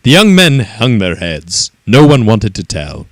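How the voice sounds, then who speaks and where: Animated low-voiced male storyteller. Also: a little slow, no echo. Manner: expressive, animated reading. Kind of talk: children's story read-aloud.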